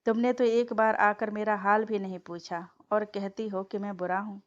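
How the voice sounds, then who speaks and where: A woman's voice: mid-range voice, level tone, normal speed, lightly acted. A woman voicing a cocky, teasing young husband who talks smugly, in a storybook reading. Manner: smug, teasing. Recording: dull lo-fi dry recording.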